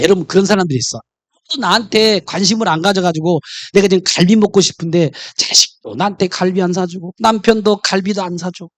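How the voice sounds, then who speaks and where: A man's voice: high-pitched, no room sound, studio quality. A man preaching a sermon in church, mixing jokes and stories into his message. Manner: humorous, storytelling. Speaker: pastor.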